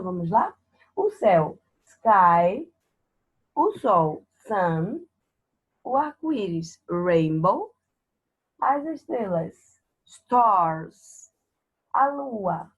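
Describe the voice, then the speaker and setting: A woman with a Brazilian accent, teaching a preschool English lesson, drilling words in a slow, repetitive sing-song and praising the children. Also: mid-range voice, fairly bright tone, slightly rough, rough recording. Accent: Brazilian Portuguese. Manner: drills words, switching between English and Portuguese.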